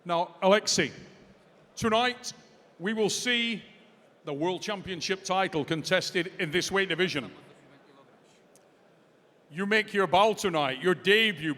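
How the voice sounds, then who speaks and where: High-pitched booming male ring announcer, hall reverb. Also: animated, unhurried, pushed and bright. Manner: booming pumped announcer, drawing out names. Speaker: ring announcer and post-match interviewer. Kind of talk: live sports event announcing. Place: large indoor event arena.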